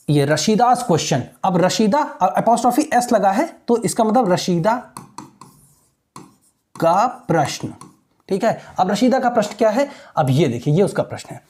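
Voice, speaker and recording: A woman teaching an exam-prep lesson. She reads English lines slowly and explains them quickly, often asking rhetorical questions. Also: a little high, warm tone. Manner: asks rhetorical questions, checks in with listeners.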